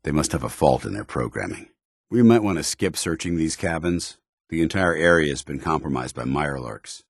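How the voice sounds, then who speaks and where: A stern, loyal male officer from a video game speaks in a low, smooth voice that never turns muddy, using formal, clipped, earnest phrases like a dutiful soldier. His full character delivery is expressive and a little fast, sounding wary and observant. It's video game companion dialogue recorded very dry in a studio with no room sound.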